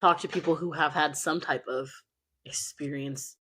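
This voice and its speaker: A young woman co-hosts a casual podcast in a husky, slightly low voice. She is chatty and pokes fun at herself, scattering "like" through her talk. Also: steady tone, normal speed, bright, forceful tone. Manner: chatty and self-mocking, with lots of "like". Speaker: podcast co-host. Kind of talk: casual chat.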